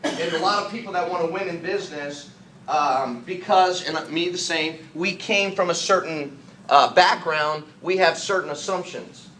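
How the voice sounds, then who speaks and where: Bright, high-voiced American man rallying a room. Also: normal speed. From United States. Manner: energetic, rhetorical questions, jokey asides. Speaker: business trainer. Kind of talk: motivational training talk. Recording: echoey room, faint background noise.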